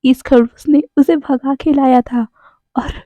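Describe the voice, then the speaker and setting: A woman's voice: sits high, fairly even intonation, measured pace, dark tone, no echo. A woman casually retelling a fan fiction story in a chatty way, speaking straight to her listeners. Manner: chatty, addresses listeners directly. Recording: dry, dull lo-fi sound.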